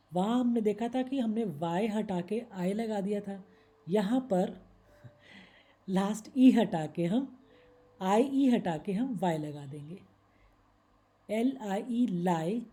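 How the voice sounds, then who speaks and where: A woman teacher explains grammar rules patiently, step by step, over slides. Her voice is very bright and tense. She pauses to read each example word. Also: medium pitch. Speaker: English teacher. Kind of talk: slide-based Hindi grammar lesson.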